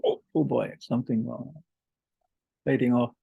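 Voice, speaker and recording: A man teaching Buddhist meditation online, speaking haltingly with many fillers, restarts and throat-clearing, and reading out questions from the chat. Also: mid-range voice, phone-quality sound.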